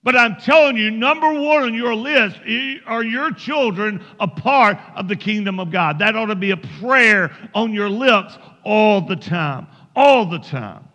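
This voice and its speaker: A man's voice: high voice, expressive, measured pace, few pauses, bright, forceful tone. A man preaching a sermon as pastor, telling folksy stories and urging the congregation emphatically. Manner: folksy storytelling, emphatic exhortation. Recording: echoey hall, dull lo-fi sound.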